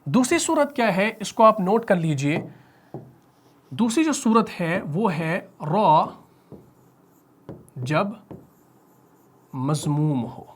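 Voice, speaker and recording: A man with a Pakistani Urdu accent teaching Quran recitation rules, who asks the class questions, answers them himself and stretches out the example words slowly. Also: sits high, a little hiss or hum. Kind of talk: spoken tajweed lesson at a whiteboard.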